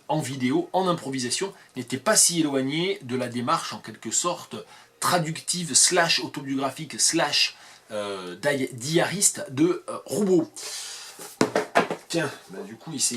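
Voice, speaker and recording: A man from the Landes in southwest France, speaking with a Landes accent, improvises to camera as an academic video blogger. His medium-pitched voice is a bit bright with a breathy edge, and he digresses, mocks himself, and thinks aloud.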